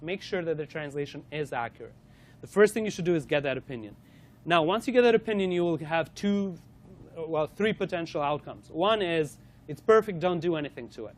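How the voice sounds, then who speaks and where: A man with a slightly high, lively voice speaks briskly as he presents a corporate lunch-and-learn to a live audience. He runs a playful quiz, often using fillers and restarting his sentences.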